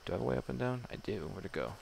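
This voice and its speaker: A man's voice: medium pitch, animated, very fast, creaky, a little mellow. A man giving casual, rambling gameplay commentary, self-deprecating and swearing now and then. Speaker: gamer. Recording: noisy home mic recording.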